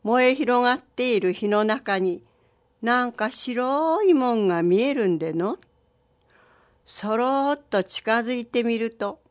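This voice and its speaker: A woman narrating a traditional folk tale in a gentle, rural dialect. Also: fairly high pitch.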